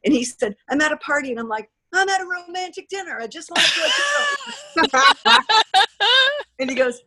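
Her voice is very high-pitched, bright and forceful, swinging widely in pitch at a normal speed. She's a theatre producer appearing as a podcast guest, chattily acting out remarks as she tells animated stories in a casual interview.

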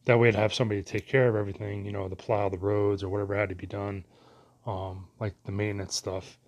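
A man's voice: fairly low pitch, level tone, fast, a little mellow. A man talking in a casual rambling monologue, full of fillers and mild cursing, as he daydreams aloud.

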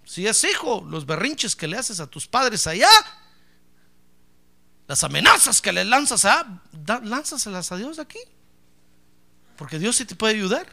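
A man preaching in a very high, gravelly voice. His bright, piercing tone rises and falls widely as he repeats words for emphasis and swings between hushed asides and loud exclamations. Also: big pitch swings, unhurried, pauses often. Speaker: pastor. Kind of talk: sermon.

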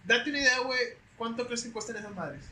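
A young man with a Mexican accent, a podcast guest telling stories in a slangy, animated, casual way. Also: extremely high pitch, fast. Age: young adult. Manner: slangy, animated, peppers speech with güey. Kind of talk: casual storytelling chat. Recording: roomy echo with faint hiss.

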